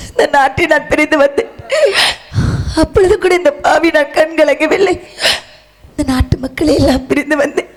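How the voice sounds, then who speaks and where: A woman playing a grieving queen mother in a village stage drama, wailing and sobbing in drawn-out sung lament for her lost son. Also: high-pitched.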